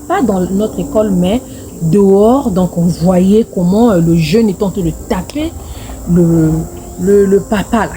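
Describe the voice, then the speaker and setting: A middle-aged woman from Congo-Brazzaville, speaking with a Congolese French accent, casually tells a personal story on video, repeating phrases for emphasis. Her voice is medium-pitched, with background noise.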